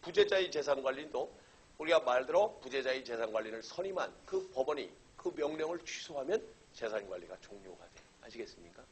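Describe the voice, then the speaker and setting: A man's voice: medium pitch, fairly bright tone, rough recording. A middle-aged man lecturing on law. He poses questions and answers them himself, and keeps checking that the class follows. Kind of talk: exam-prep lecture.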